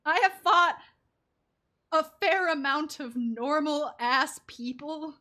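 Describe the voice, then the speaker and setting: A woman streams casual live game commentary, playful and rambling, throwing in silly sound effects over game music. Her voice sits high and comes out slow, pushed, and bright.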